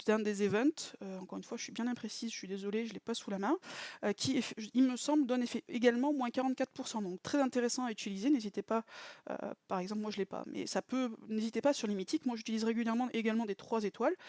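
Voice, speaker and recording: A woman with a fairly high voice talks through a game strategy in a relaxed, explanatory way. She pauses to recall details and drives home her cautions by repeating them. The sound is close and dry, with no room echo. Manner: stresses warnings with repeated emphatic cautions.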